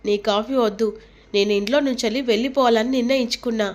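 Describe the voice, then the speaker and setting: A woman's voice: a little high, steady tone, fast talker, a little mellow, lightly acted. A woman reading the lines of a stubborn older man who is threatening to leave home, in an indignant, complaining tone. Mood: aggrieved.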